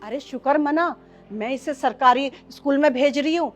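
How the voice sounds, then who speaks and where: A woman playing a bitter, contemptuous grandmother and mother-in-law who scolds her family with sharp commands, in a family short film. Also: high voice, normal speed, muffled recording, faint music behind, close to an everyday voice. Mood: scolding. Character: harsh, bitter grandmother who scorns girls.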